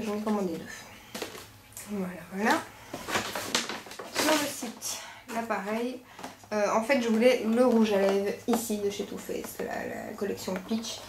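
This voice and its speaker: A woman with a Belgian French accent rambles casually as a beauty vlogger showing off a shopping haul, correcting herself as she goes. Her voice is fairly high, at a normal speed, with frequent pauses. The room echoes, with faint background noise.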